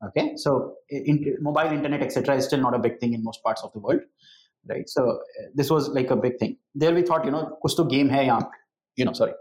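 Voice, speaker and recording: A man's voice: mid-range voice, quick pace, a little mellow. A man with a North Indian accent telling stories casually, mixing English with Hindi and often checking in with "right?" tags. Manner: switches between English and Hindi, frequent "you know" and "right?" tags. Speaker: entrepreneur telling of their career. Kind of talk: casual conversational storytelling. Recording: echoey room.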